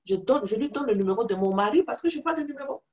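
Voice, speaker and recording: Animated high-voiced African woman preacher. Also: racing. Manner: animated storytelling, acts out dialogue with others in the story. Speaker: preacher and teacher. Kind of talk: testimony in a teaching video.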